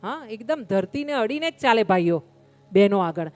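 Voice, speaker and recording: A woman's voice: medium pitch, animated, moderate pace, a little mellow, soft background music. A woman giving a devotional sermon, telling a story in a conversational, humorous way and speaking directly to her listeners. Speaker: religious storyteller.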